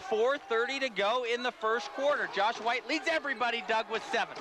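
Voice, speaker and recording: A man calling basketball play-by-play, rapid and excitable as he follows the action. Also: very high-pitched. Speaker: play-by-play commentator.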